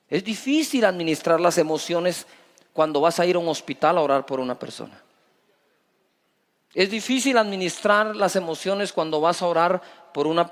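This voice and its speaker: A male pastor preaching a sermon with emphatic delivery that swings between loud and hushed. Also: on the high side. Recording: long reverb of a large hall.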